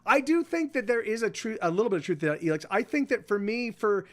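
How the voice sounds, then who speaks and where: A man in his forties with a high, sing-song, fairly bright voice hosts a livestream. He rambles casually with viewers, swearing often and speaking in halting sentences that keep interrupting themselves.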